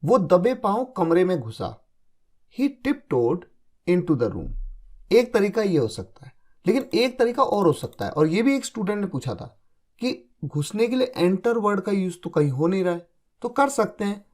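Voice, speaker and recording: Lively high-pitched male English teacher. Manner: explains patiently, checks understanding with repeated confirmations; reads English examples slowly and deliberately. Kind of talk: spoken English lesson in Hindi.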